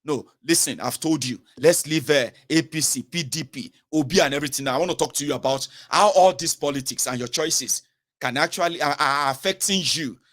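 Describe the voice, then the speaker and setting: A man's voice: a little high, fairly quick, fairly bright tone. A Nigerian man in his thirties with a southern Nigerian accent, speaking straight to the viewer in an emphatic political commentary and slipping into pidgin phrases. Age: 30s. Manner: emphatic, questions the viewer directly, mixes in pidgin. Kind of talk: direct-to-camera commentary.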